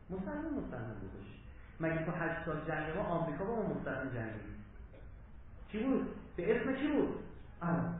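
Impassioned man lecturing in an echoey hall. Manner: impassioned, swings between loud urging and low asides. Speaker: religious lecturer. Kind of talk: public lecture. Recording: very echoey hall, tinny phone-like sound, faint hiss.

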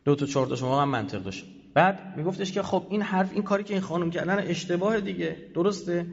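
A man speaks with a fairly high voice and a heated, sarcastic edge, rising into loud bursts and dropping into low asides. His voice carries a long hall reverb, and the sound is dull and lo-fi. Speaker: head of an institute. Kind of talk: animated talk to an audience.

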